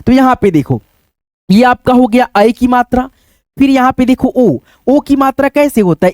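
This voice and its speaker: A man's voice: high voice, darkish tone, no echo. A man teaching beginners at a board, patiently repeating and counting aloud.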